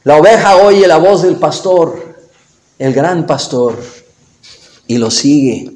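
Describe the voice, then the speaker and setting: A man's voice: on the high side, expressive, slow, darkish tone, echoey room. A man preaching a sermon as pastor. He reads scripture aloud, then turns to the listeners with emphatic, rising exhortations.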